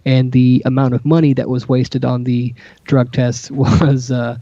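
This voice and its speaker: A man co-hosting a casual panel discussion, talking haltingly with many fillers and restarts. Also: medium pitch, little pitch movement, mellow, dry recording. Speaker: co-host. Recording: dull lo-fi sound.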